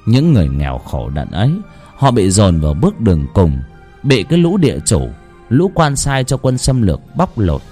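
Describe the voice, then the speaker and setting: A man narrating a ghost story in a dramatic, lively way. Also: on the low side, normal speed, husky, faint music behind.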